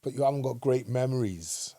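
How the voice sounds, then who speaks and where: A man's voice: mid-range voice, fairly quick, warm tone. A man who used to play football, co-hosting a casual football chat and often checking in with "right?". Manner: emphatic, asks "right?" often. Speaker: co-host, former footballer.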